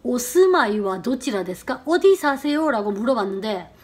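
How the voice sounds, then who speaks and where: A middle-aged woman teaching a casual language lesson, acting out short sample dialogues with slow, exaggerated intonation. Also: on the high side, lively intonation.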